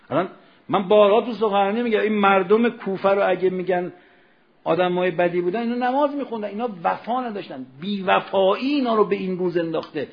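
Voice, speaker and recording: Male preacher, fairly high voice, emotional storyteller who swells to near-shouting, dull lo-fi recording. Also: vocal fry. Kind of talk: Ramadan sermon with storytelling.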